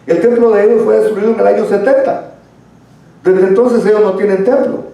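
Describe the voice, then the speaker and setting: High, gravelly man teaching in an echoey hall. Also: steady tone, fairly quick, mellow. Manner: explanatory, addresses listeners as brother. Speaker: Bible study teacher. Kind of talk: church Bible study lesson. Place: church hall. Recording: echoey room, far from mic.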